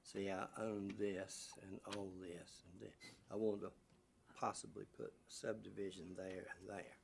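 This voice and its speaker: A man, a local landowner, asking questions during public comment at a county meeting, talking in a halting, folksy way. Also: fairly low pitch, level tone, vocal fry, slight background noise. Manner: halting, folksy, with many fillers. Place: county meeting room, at a podium mic.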